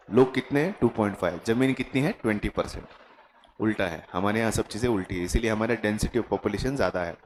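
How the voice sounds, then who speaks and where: A man's voice: medium pitch, slight background noise, low-quality recording. A man with an Indian accent giving a classroom lecture, conversational and joking, often checking in with rhetorical questions. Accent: Indian English. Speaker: teacher.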